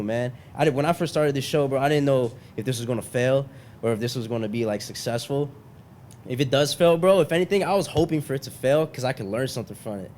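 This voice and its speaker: A man's voice: medium pitch, a little mellow. Frat-bro young man, noisy podcast chat. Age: young adult. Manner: frat-bro slangy talk, peppered with bro and man. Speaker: podcast host.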